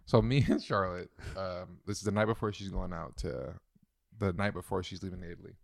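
A young man in his twenties tells a slangy, animated story in casual chat. His voice is very deep and gravelly, and he talks quickly. The sound is dry and close. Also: dry recording. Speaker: co-host.

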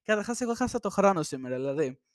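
A young man hosts a podcast from home, chatting casually and rambling with frequent laughs into a shared single microphone. His voice sits high with big pitch swings, and the recording is dry with clean studio sound.

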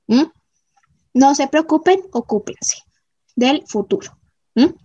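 Woman, motivational vlogger, high voice, emphatic, keeps checking in with the audience; muffled, dry recording. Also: lively intonation, takes it slowly, dark tone, slight background noise. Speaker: motivational speaker. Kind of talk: motivational talk to viewers.

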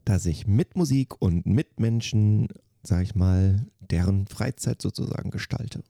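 Male dance teacher from Germany, deep voice, short matter-of-fact replies, dry sound. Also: unhurried, creaky, mellow, dry recording. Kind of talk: quick-fire interview answers.

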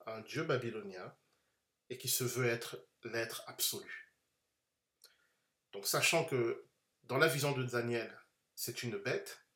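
A man giving an unscripted Bible lesson, explaining slowly and carefully with frequent hesitations. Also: medium pitch, a bit bright. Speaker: Bible teacher. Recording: echoey room.

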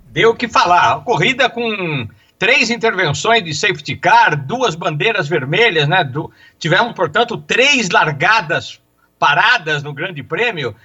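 A Brazilian man analyses motor racing off the cuff in a high, bright, forceful voice. He thinks aloud with halting phrasing. The broadcast sound is somewhat dull and lo-fi. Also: animated. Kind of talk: unscripted race analysis.

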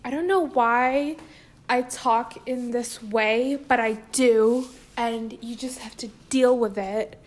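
Slow-talking, playful woman podcaster. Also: on the high side, fairly even intonation. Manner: playful, giggly, self-mocking. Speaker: podcast host. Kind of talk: casual solo podcast chat. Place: home, walking around the house.

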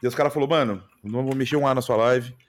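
A man's voice: medium pitch, rapid-fire. A man with a Brazilian accent, a streamer guest chatting casually and slangily about his streams. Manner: slangy, animated, repeats mano and velho. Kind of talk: casual podcast chat.

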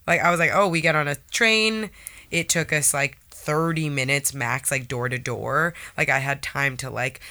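A man with a bright, clear tone, a little nasal and sniffly from a cold. He talks in a chatty, upbeat way as a podcast co-host giving tips. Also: a little high, normal speed. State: stuffy nose from a cold. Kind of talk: casual chat.

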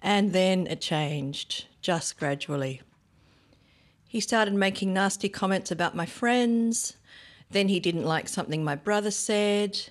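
A woman reading a scripted first-person story in a measured, reflective way. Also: mid-range voice. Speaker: narrator.

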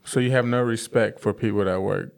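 A man's voice: lowish voice, fairly even intonation, fairly quick, gravelly. A man in his forties, co-hosting a podcast in a laid-back, slangy, rambling casual chat. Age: 40s. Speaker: podcast co-host.

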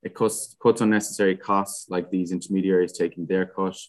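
Low, even-voiced young west of Ireland man. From Galway, west of Ireland. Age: young adult. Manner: hesitant, halting, frequent "like". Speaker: podcast guest, student society president. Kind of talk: casual interview.

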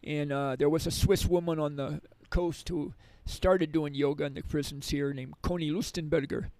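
A man's voice: on the high side, steady tone, normal speed, a little mellow, no room sound, poor audio. A middle-aged man who teaches yoga and meditation in prisons, telling stories in a rambling way with many restarts. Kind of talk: conversational storytelling interview.

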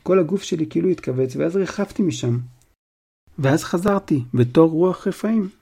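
Casting: touchy, dramatic teen girl ghost, whiny, pitched up with a husky grain, done by a male reader. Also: animated, mellow, exaggerated voice. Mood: self-pitying. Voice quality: whiny, self-pitying.

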